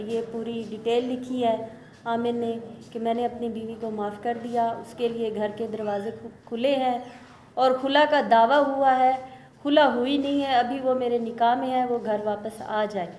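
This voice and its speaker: A woman's voice: fairly high pitch, fairly even intonation, unhurried, a little mellow. A middle-aged woman from Pakistan, a mother speaking at a press conference, insistent and indignant as she repeats her points. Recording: echoey room with faint noise.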